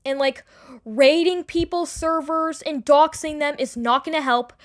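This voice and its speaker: A woman giving an unscripted, defensive personal explanation to an online audience, rambling and halting with repeated words and casual swearing. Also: high voice. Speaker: online creator addressing the audience. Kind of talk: unscripted personal apology and self-defence video.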